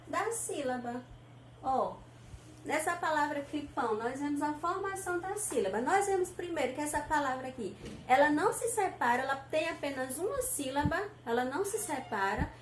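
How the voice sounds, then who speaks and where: High-voiced Brazilian teacher talking to kids. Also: female voice. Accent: Brazilian Portuguese. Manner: patient, repeats points, spells out syllables slowly. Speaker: primary school teacher. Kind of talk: teaching a recorded class to children. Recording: echoey room, faint noise.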